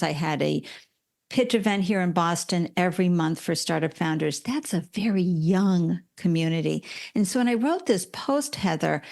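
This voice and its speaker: Animated woman in her sixties. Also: on the low side. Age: 60s. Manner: animated storytelling with quoted voices. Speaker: podcast guest. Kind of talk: conversational interview.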